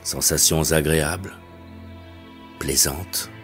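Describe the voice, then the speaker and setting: Male hypnotherapist, low voice, slow detached hypnotic delivery over faint background music. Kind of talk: guided hypnosis session. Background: soft music.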